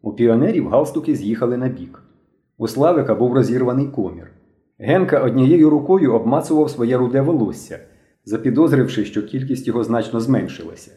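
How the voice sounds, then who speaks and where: Expressive male audiobook narrator. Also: mid-range voice, a little fast. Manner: expressive storytelling. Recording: roomy echo.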